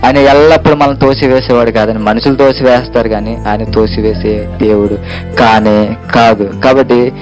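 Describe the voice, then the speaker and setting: A man's voice: mid-range voice, fairly even intonation, normal speed, over music, low-quality recording. A man preaching an emotional Easter sermon, retelling the story with pleading, repetitive phrases.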